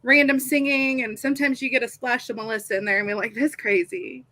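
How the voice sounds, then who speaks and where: A woman in casual conversation, chatty and quick to joke. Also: high-pitched, bright, forceful tone, no echo. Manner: chatty, jokey. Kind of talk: casual chat.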